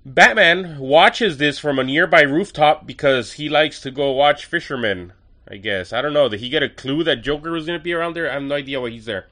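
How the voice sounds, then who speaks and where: In a brisk, casual episode review, a male podcaster stays chatty and enthusiastic, tossing in wry asides. A cold makes him sound a bit nasal and stuffy, but his higher-than-average male voice remains bright and forceful.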